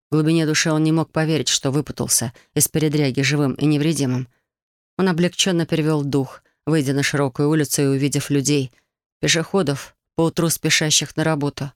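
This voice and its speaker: A man reading a novel aloud as an audiobook narrator, in a calm, even storytelling manner. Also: on the high side, no room sound, clean studio sound.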